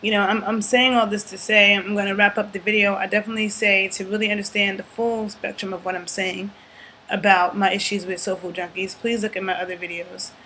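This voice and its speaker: A woman giving an earnest, emphatic talk to camera about food, often checking in with "okay?" and pausing to think aloud. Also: medium pitch, level tone, sharp tone, a little hiss or hum, low-quality recording. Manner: thinks aloud with fillers and restarts. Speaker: YouTube commentator. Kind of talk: casual talking-to-camera commentary.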